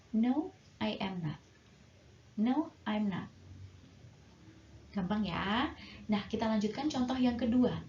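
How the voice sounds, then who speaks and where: A woman's voice: medium pitch, darkish tone. Patient woman teaching English grammar. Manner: slow, patient, stretching out example sentences. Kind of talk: bilingual grammar lesson. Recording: roomy, dull lo-fi sound with faint noise.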